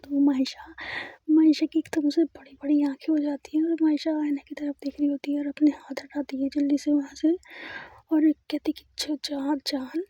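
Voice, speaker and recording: Soft-voiced woman storyteller, often whispering. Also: high voice, dry recording. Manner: repeats the filler "है ना" often. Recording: slightly dull lo-fi recording.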